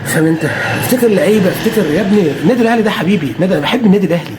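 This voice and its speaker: Rapid-fire Egyptian man ranting. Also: sits high, noisy background. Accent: Egyptian Arabic. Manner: rapid, repetitive, emphatic with oaths. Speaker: football fan streamer. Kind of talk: casual talk to camera.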